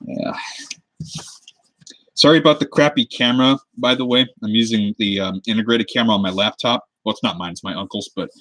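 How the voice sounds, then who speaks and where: Easygoing young man, low dry voice. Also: a little fast, fairly bright tone, dry recording. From United States (Pacific Northwest). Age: 20s. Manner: rambling and easygoing, talking while working with his hands. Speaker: cosplay prop maker streaming live. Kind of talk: casual livestream chat while crafting. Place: indoors at a desk at home under a lamp. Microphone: webcam mic.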